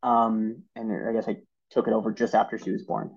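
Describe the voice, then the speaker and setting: A man in his thirties, a podcast guest, telling stories in an earnest, halting way with many fillers and restarts. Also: on the low side, flat delivery, gravelly, slightly rough, dull audio. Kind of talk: casual storytelling interview.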